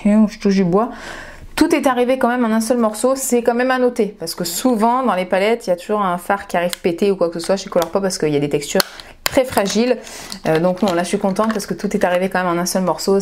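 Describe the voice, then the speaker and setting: Young woman, casual beauty vlog, effusive, piles up repeated words, mid pitch, home camera mic. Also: quick pace, a little hiss or hum. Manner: gushing and enthusiastic, repeats words for emphasis. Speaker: beauty vlogger. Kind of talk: casual makeup haul vlog.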